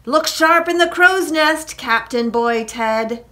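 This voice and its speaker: A bold storybook pirate captain, acted out by a woman reader, pitched high and bright. He hollers commands in hearty swashbuckling talk, brave and full of bluster. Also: steady tone, unhurried, vocal fry, exaggerated voice. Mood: commanding, gleeful.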